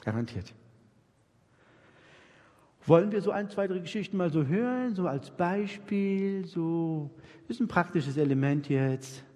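Recorded live by microphone in a hall with long, ringing echo, this man runs an interactive church workshop. His high, a little mellow voice has lively intonation and a measured pace with frequent pauses, and he coaches emphatically, repeats points, and often checks the audience is following.

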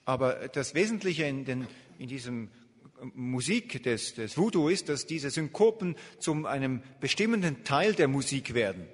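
A man's voice: mid-range voice, very animated, normal speed. A man interpreting a lecture live, hesitant and full of filler sounds as he searches for words. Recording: long hall reverb.

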